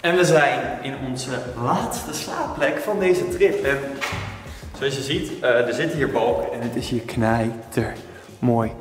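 A man's voice: mid-range voice, unhurried, music in the background. A man in his twenties chatting casually as a vlogger into a handheld camera. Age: 20s. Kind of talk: casual vlog chat. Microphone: handheld camera at arm's length.

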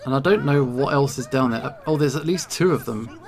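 With a crowd audible behind, this let's play streamer talks through the game fairly quickly, using a medium-pitched voice full of gravelly vocal fry. The delivery is anxious and jittery, like nervous self-talk muttered along the way.

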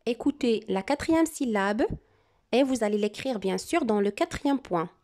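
A woman teacher giving a French dictation to young pupils, repeating each word and syllable slowly and giving calm step-by-step instructions. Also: fairly high pitch. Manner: slow, deliberate dictation with words repeated clearly. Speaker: primary school teacher. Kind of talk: classroom dictation lesson.

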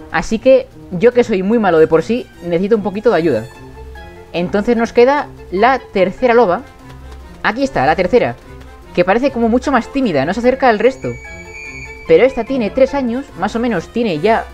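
Young guy from spain playing a wolf game, high-pitched and super lively, yells at the animals, faint music behind. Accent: Spain Spanish. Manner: excitable, shouts at in-game animals. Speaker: gaming youtuber. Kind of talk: game commentary.

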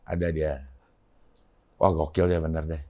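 A man telling a story in a casual podcast chat, animated and slangy. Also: very deep voice, a little slow. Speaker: podcast host.

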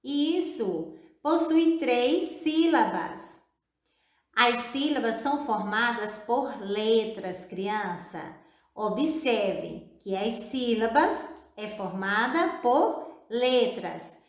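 A woman teacher giving a video lesson to children, speaking in a slow, drawn-out, encouraging way and repeating words syllable by syllable. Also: a little high, expressive. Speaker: primary school teacher. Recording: echoey room.

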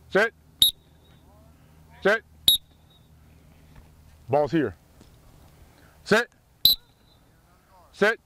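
A middle-aged man coaching football drills outdoors, yelling short, repeated commands from the sidelines. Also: high-pitched, noisy background. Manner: clipped, repetitive commands. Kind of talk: drill instructions on the practice field.

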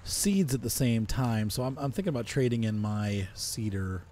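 This man hosts a gaming video, casually narrating his farming simulator playthrough and thinking aloud with lots of fillers. He speaks at a medium pitch and moderate pace in a slightly mellow voice, with slight background noise.

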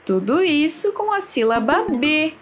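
A woman slowly teaching children their syllables, spelling out each word clearly with long pauses. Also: high-pitched, big pitch swings, a little hiss or hum. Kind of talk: slow syllable lesson for children. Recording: faint music behind. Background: soft background music.

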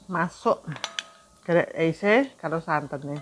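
A woman's voice: sits low, expressive, slow, slight background noise. A woman, chatting casually in a home cooking vlog, teasing and scolding someone to finish eating. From Suriname.

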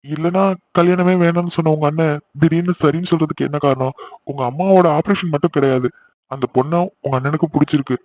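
A man's voice: fairly high pitch, steady tone, quick pace, darkish tone, dry recording, lo-fi sound, lightly acted. A man voicing a teasing young married man who runs an office, bantering and scolding in jest. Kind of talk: cartoon voice acting.

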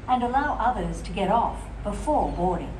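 A woman's voice: medium pitch, big pitch swings. A woman giving safety instructions as a recorded railway platform announcement. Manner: slow, measured safety instructions. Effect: station loudspeaker announcement. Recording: echoey loudspeaker from far off, loud train noise.

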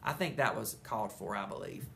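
A teacher reading a children's chapter book aloud at an elementary school, expressive and animated. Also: mid-range voice, a little fast, vocal fry, a little hiss or hum.

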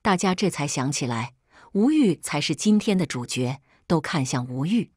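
A woman reads a first-person story aloud in a calm, measured way. Her voice sits a little low and has a breathy, husky grain. The sound is close and dry, with no room around it. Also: dry recording.

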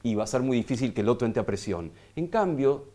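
A man with a Rioplatense Spanish accent hosting an interview, asking questions and reacting with quick agreement. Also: medium pitch, expressive, mellow. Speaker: interview host. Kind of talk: interview conversation.

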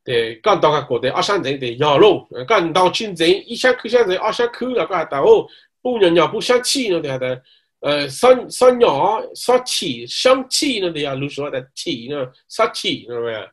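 A man's voice: fairly high pitch, very animated, normal speed. A man teaching a course on ritual language, reciting verse lines, explaining them and often checking that listeners follow, with English words mixed in. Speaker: cultural course instructor.

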